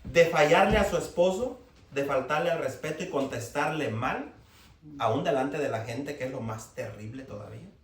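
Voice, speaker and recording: A man's voice: medium pitch, expressive, moderate pace. A man preaching a sermon, firing rhetorical questions at the congregation. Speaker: pastor. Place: church hall. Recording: echoey room, mic far off, faint noise.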